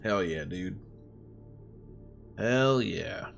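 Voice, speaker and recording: This streamer, a writer and gamer, has a low, gravelly voice and stretches his words out expressively. He swears freely and talks like a bro while chatting and improvising a story live, with music behind him.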